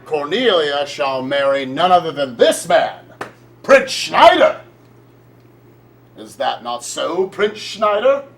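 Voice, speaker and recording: A domineering old king who speaks in archaic, commanding stage lines, as a man puts him on. The voice is gravelly, with a lively, swooping pitch. He delivers his lines unhurriedly. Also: slow pace, soft background music, exaggerated voice. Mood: stern. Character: stern old King Leo, domineering father. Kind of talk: amateur stage skit.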